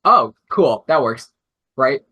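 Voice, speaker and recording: A young man mentoring robotics teams explains at a slow pace over a video call, his medium-pitched voice bright and forceful with lively intonation. He rambles casually, leaning on "like" and "uh," and keeps restarting to correct himself.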